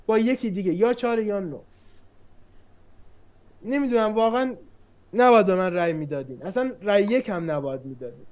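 A man recapping an online mafia game as a player, defending his votes with rapid reasoning. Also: extremely high pitch. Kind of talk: casual argumentative game recap. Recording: lo-fi online call audio.

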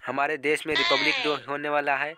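A man giving casual, excited commentary over his mobile gameplay, often repeating his calls to teammates. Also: fairly high pitch, brisk. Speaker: gaming YouTuber. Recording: game music loud behind voice. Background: loud game music.

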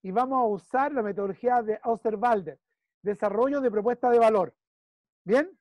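A man's voice: high-pitched, normal speed, darkish tone, dry recording, clean studio sound. A man with a Chilean accent coaching a client one-on-one, emphatic and repeating key phrases while he checks in. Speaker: business consultant.

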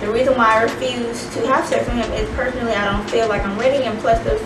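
A young woman with a fairly high voice, talking sassily as a vlog host. Her words come out muffled and slurred, like a mouth full of gauze. The room echoes around her and the mic sits at a distance. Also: fast. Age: young adult. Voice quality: muffled, slurred speech as if mouth stuffed with gauze, from new braces. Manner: sassy, animated. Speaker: YouTube advice host. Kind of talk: casual, profane slangy chat to camera. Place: indoor studio with plain backdrop. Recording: roomy, distant mic with clear noise.

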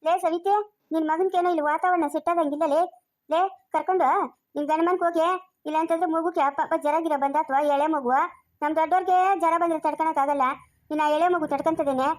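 A woman's voice: extremely high pitch, steady tone, quick pace, darkish tone. A woman playing a fussing Chikkaballapur village woman. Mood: fretful. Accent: rural Chikkaballapur Kannada. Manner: scolding, exclaiming, repeating questions. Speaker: actor in a village family drama. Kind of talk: homemade village family drama.

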